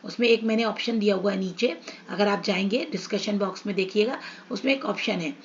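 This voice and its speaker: A woman's voice: mid-range voice, fairly quick, highs cut off, a little hiss or hum. A woman teaching English to children in an online lesson, asking questions and answering them herself.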